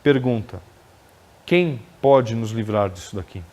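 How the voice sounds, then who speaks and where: A man lectures at a spiritist center in an easy, conversational way. His pitch sits in the middle, and he keeps checking in with the audience through short tag questions. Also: lively intonation, measured pace, a little mellow. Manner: conversational, frequent tag questions, acts out quoted dialogue.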